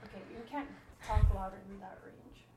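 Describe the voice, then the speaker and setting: A woman's voice: mid-range voice, fairly quick, heavy background noise. A young woman from Guam conducting a casual interview, chatty and giggly, often trailing off mid-sentence. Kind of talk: casual oral-history interview.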